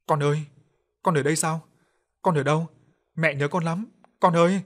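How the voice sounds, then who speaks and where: A man's voice: fairly high pitch, fairly even intonation, moderate pace, voice pushed up, lightly acted. Give me a man playing a tearful, grieving mother crying out.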